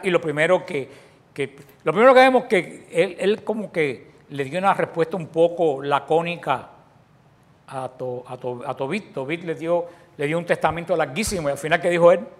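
Guy preaching, fairly high voice, throws questions at the crowd then answers them, lots of restarts. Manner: asks the audience questions and answers them himself; restarts phrases often, with big swings in loudness. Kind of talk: sermon.

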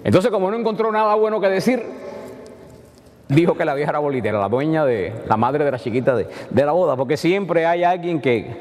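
A man preaching a sermon in an animated way, acting out the dialogue with rising and falling tones. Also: fairly high pitch, a little fast, long reverb tail.

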